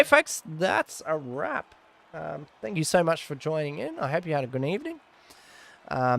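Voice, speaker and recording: A man's voice: medium pitch, gravelly. A man giving casual, rambling live commentary on a sim race, often correcting himself.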